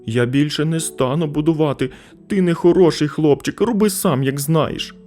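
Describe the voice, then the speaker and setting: A man's voice: fairly high pitch, moderate pace, a little mellow, soft background music, voice pushed up, natural voice. Man doing a petulant little girl. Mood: complaining. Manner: complaining, childish. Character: small girl of seven, hurt and petulant. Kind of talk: storybook narration.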